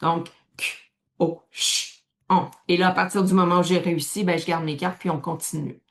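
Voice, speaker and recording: A woman walks through a card game in a relaxed, explanatory way. She thinks aloud as she goes, with plenty of fillers and restarts. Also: fairly low pitch, fast. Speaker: presenter demonstrating a card game. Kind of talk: casual explanatory demonstration.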